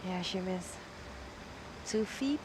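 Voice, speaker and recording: A woman's voice: on the low side, takes it slowly, noisy background. A woman working as a golf co-commentator, giving live commentary on a tournament.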